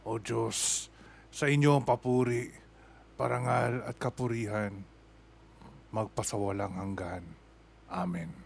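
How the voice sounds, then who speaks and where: An alarmed old care-home resident. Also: male voice, mid-range voice, fairly even intonation, slow pace, creaky, long pauses, slight background noise. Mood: solemn prayer. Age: older. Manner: loud and alarmed, then solemn in prayer. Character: elderly male care-home resident who prays against evil. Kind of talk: radio drama acting.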